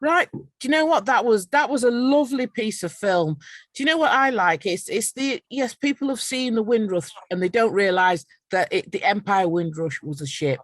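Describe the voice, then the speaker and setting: A woman's voice: medium pitch, normal speed, no room sound. Lady interviewer just chatting away casually, dry room sound. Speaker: interviewer, host.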